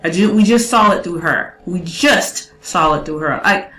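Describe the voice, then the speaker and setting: A woman's voice: on the low side, normal speed, a bit bright, reverberant, a little hiss or hum, low-quality recording. A woman giving casual commentary on a clip, chatty, quizzing the viewer and listing traits.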